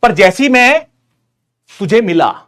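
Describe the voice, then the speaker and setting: A man's voice: sits high, very animated, takes it slowly, a bit bright. A man teaching chemistry in a casual live online class. He is chatty and teasing, calls his students buddies, and explains with everyday stories.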